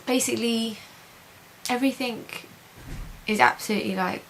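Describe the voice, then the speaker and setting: A woman with a fairly high, fairly bright voice talks at a moderate pace in a casual video diary update. She is chatty, positive and reassured, repeating intensifiers in an informal way, though the hissy home recording gives poor audio.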